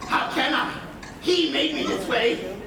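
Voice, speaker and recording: An actor playing a villainous, bitter pirate captain in a live stage play, loud, theatrical and blustering. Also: sits high, expressive, measured pace, crowd noise. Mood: bitter, desperate. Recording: distant mic, echoey theatre, audience noise.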